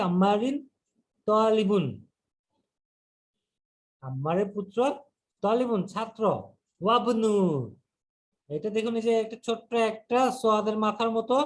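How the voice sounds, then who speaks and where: A man teaching an Arabic grammar lesson, slowly repeating words and breaking them down step by step. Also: sits high.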